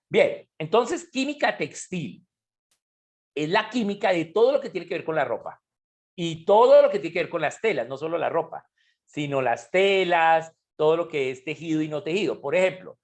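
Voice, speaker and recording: In an online chemistry class heard through a computer mic on a video call, a man with a slightly high voice and big pitch swings speaks at a normal speed. He explains things one step at a time, with frequent questions to check that students are following.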